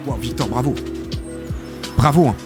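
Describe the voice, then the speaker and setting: A man casting a live esports tournament as host, excitable and chatty, full of filler interjections. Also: mid-range voice, normal speed. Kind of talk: live game commentary. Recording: game music behind the voice. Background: game music.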